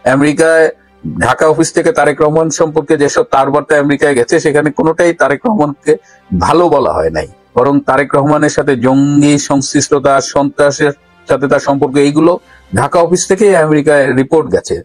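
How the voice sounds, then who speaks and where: A man's voice: fairly high pitch, fast talker, no echo, soft background music, low-quality recording. A man giving political news commentary, arguing point by point and posing pointed questions, with frequent hesitations.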